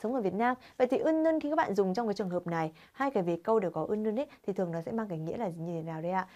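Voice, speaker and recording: A woman's voice: mid-range voice, animated, very fast, warm tone. A woman teaching a Korean grammar lesson to learners, constantly quizzing viewers with rhetorical questions.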